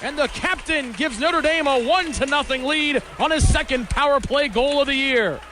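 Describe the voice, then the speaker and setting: An extremely high-pitched male voice at a moderate pace calls a live hockey game for radio. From inside the arena, he narrates the play in clipped, descriptive fragments as live sports commentary.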